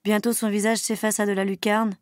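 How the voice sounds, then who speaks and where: A woman teacher reading a novel aloud in a steady, even storytelling manner. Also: medium pitch, a little fast, no room sound, studio quality.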